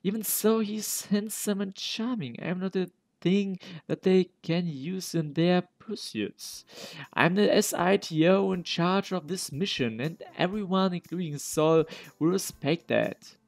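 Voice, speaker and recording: A man's voice: high voice, unhurried, no echo. A man hosting a let's play, reading a visual novel game aloud and stumbling over names he is unsure how to pronounce.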